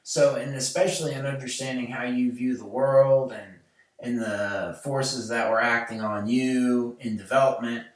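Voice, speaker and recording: A podcast host in his late twenties chats loosely and rambles, filling his talk with fillers and restarts. His medium-pitched voice stays steady and unhurried. He was recorded in an echoey room with the mic placed far away.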